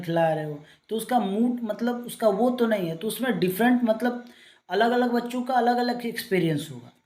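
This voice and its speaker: A teacher giving an exam-prep lecture, reading English definitions slowly and then explaining them in Hindi with everyday examples, in a loose, rambling delivery with frequent restarts. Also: mid-range voice, darkish tone.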